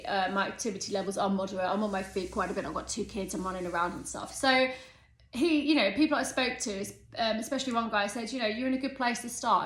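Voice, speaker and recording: A woman's voice: on the high side, sharp tone. A woman in her thirties chatting casually and a bit ramblingly in a vlog. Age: 30s. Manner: chatty and rambling, self-aware, determined. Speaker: vlogger. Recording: echoey room.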